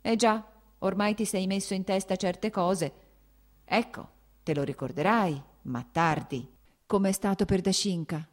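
A woman's voice: mid-range voice, a little slow, pitched above the performer's own voice, lightly acted. A woman reading an audiobook, voicing an anxious older princess who pleads and protests, close to tears. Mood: reproachful. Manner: pleading, nearly tearful.

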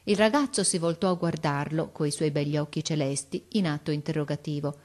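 A woman narrating a classic story in a measured, expressive reading voice. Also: sits low.

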